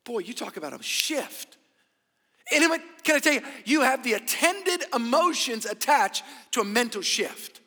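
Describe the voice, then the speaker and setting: A man's voice: very high voice, animated, moderate pace, sharp tone. A middle-aged man preaching a sermon at a pulpit microphone, emphatic, repeating key phrases and putting rhetorical questions to his congregation. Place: large hall, preaching to a congregation. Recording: reverberant hall, amplified pulpit sound.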